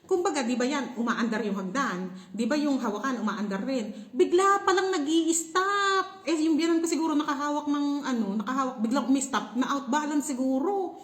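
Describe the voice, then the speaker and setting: A young Filipina woman telling a story in a casual vlog, animated and laughing often. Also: sits high, normal speed, reverberant. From Philippines. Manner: animated, laughing, shrieks when reenacting. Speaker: vlogger.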